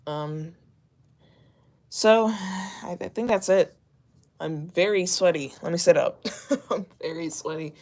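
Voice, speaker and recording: Candid streamer at mid pitch, halting speech full of fillers, gravelly fry. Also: a little mellow. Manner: halting, with many fillers and restarts; earnest, candid. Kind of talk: casual livestream talk.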